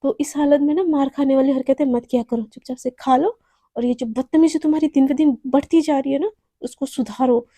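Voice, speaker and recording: A woman's voice: high-pitched, steady tone, a little fast, dark tone, dry recording. A woman voicing a strict middle-aged mother who talks in a bossy, scolding way. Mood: stern.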